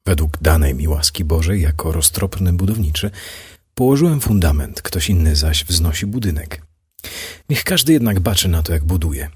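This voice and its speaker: Deep, husky man reading scripture. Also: animated, a little mellow. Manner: measured, solemn reading. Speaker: radio host and Bible reader. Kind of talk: devotional program narration.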